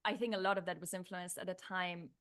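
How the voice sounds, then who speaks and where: A woman in her thirties from Slovenia, a Slovenian native speaker, guest on an interview, talking in a reflective, animated way with many restarts. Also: on the low side, fast. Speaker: guest, neuroscientist turned coach. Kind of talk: casual interview chat.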